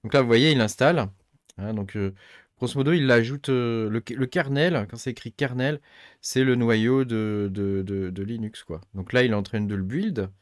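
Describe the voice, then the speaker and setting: A man, middle-aged, hosting a casual tech tutorial, thinking aloud and filling pauses with many hesitations. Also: mid-range voice, dry recording, clean studio sound. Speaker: tech channel host. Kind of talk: casual screen-recorded tutorial.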